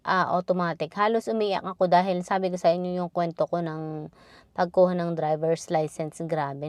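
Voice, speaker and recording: A woman's voice: medium pitch, no room sound, clean studio sound. A woman from the Philippines telling a personal story on her vlog in a candid, chatty way. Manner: chatty and candid, recounting with frequent quoted dialogue. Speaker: vlogger.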